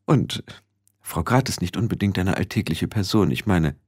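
A man voicing a stern, sharp-tongued old female witch in an audiobook, speaking in firm, clipped commands. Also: low-pitched, expressive, moderate pace, husky. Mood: hushed. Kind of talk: audiobook reading.

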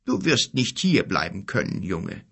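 Male narrator doing old sorrowful pond king: low, husky, grave and bitter, storybook. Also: wildly swooping pitch, exaggerated voice. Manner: grave, bitter, measured speech.

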